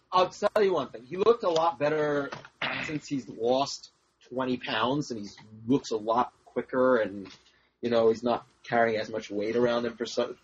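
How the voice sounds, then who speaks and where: Husky-voiced man, blunt and profane. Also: mid-range voice, lo-fi sound. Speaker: podcast panelist. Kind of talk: casual fight-prediction chat.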